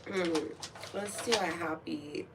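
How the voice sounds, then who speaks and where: A woman with a cold, sniffling, speaks slowly in a lowish voice from her room at home, chatting playfully with stream viewers before a tarot card reading. She giggles at her own jokes in chatty asides, and the recording is very noisy.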